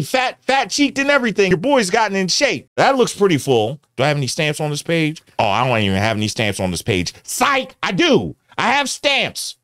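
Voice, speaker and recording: A man's voice: on the high side, no room sound, studio quality. A middle-aged American man giving casual, slangy, teasing reaction commentary as a show host. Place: indoor home studio. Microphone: close studio mic on boom arm.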